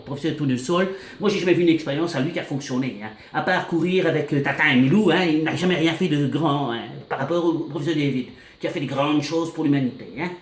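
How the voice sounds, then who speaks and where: A man's voice: fairly high pitch, roomy sound, a little hiss or hum. A man doing a boastful, agitated comic rant, rambling and tacking "hein" onto his lines. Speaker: comic character monologue. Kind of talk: comedic character rant to camera.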